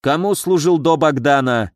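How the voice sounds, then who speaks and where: A man's voice: fairly high pitch, normal speed, dry recording, close to an everyday voice. A man playing a stern, weary old prince from an audiobook, asking short hard questions and giving curt orders. The voice sits dry and close, with no room around it. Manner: terse commanding questions. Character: older grey-haired prince, stern and weary judge.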